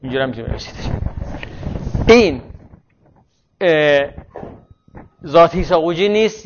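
A man's voice: a little high, a little hiss or hum. A man giving a philosophy lecture, thinking aloud, asking himself questions and answering them, and stopping to correct himself. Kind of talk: university lecture. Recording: muffled lo-fi classroom recording.

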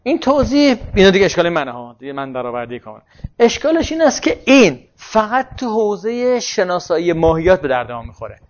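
Brief: male philosophy lecturer who thinks aloud and corrects himself mid-sentence, dull lo-fi sound. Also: high voice. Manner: questions and answers himself. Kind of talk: university lecture. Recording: muffled lo-fi classroom recording.

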